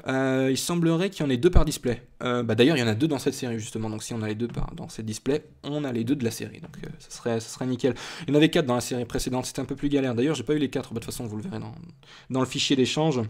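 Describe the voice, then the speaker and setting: Male host, casual unboxing chatter, rambling and self-mocking, everyday mid-pitched voice. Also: very fast, darkish tone. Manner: chatty and rambling, listing card names, self-deprecating asides. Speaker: YouTube card-opening host. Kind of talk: casual booster-opening commentary.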